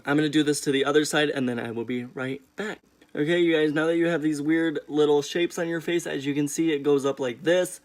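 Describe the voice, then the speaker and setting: Young adult male drag queen host, sassy and emphatic, mid-pitched, casual tutorial chat. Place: indoors, small room at home.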